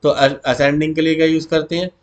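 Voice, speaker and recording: A man's voice: on the high side, little pitch movement. A male teacher giving an exam revision lesson, calling his students "beta" and repeating key words back to them as questions. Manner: reads English SQL commands slowly, word by word.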